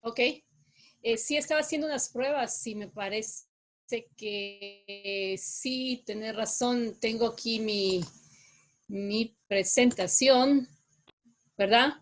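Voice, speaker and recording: A middle-aged woman from Guatemala City, a native Spanish speaker with a Guatemalan accent, giving an online guest lecture in a halting way with many "uh"s. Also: a little high, low-quality recording. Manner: halting, many filler sounds.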